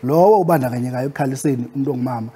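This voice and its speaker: A man's voice: mid-range voice, rapid-fire, mellow, breathy edge. A South African man with a Xhosa accent, explaining things in a formal, respectful way as an interview guest. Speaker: guest expert on Xhosa customs. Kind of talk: interview talk.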